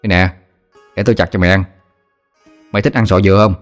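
A man's voice: deep voice, fairly even intonation, soft background music, close to an everyday voice. A man with a Southern Vietnamese accent voicing an older village boy who teases and shows off. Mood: teasing. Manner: teasing, brash, quick-talking. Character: older village boy, teasing, brash, showing off.

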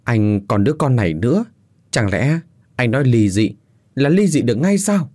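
A man's voice: mid-range voice, big pitch swings, moderate pace, mellow, no room sound, clean studio sound. A man voicing a desperate, heartbroken young wife who pleads through tears. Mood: pleading, tearful. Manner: tearful pleading, raised voice.

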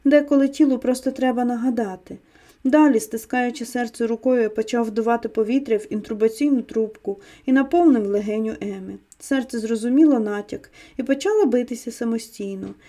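A woman's voice: a little high, fairly quick, dark tone. A woman narrating an audiobook in a tense, dramatic reading voice. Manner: tense dramatic reading of a first-person male story.

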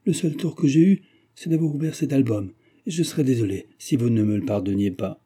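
A man's voice: medium pitch, animated, brisk, mellow, slightly rough, pitched above the performer's own voice. A man reading aloud and voicing a flustered, pleading young woman in a raised voice.

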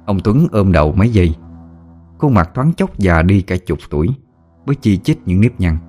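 A deep-voiced man narrates a scripted horror story with lively, swinging intonation. His delivery is dramatic and expressive throughout. Faint music plays under his voice. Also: normal speed.

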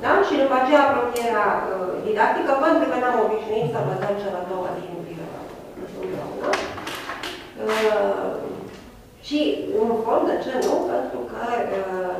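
A woman lectures a class and keeps asking "da?" after each point. Her voice comes from far off in a very echoey room, with faint noise behind it. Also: medium pitch.

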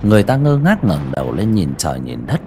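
A man narrating an audio story in a steady, storytelling way, dramatic in places. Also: deep voice, a little fast, background noise.

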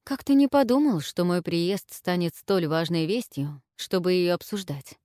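A woman's voice: on the low side, unhurried, warm tone, no room sound, studio quality, close to an everyday voice. A woman voicing an anxious, proud young princess who speaks with tense urgency in a storybook reading. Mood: agitated.

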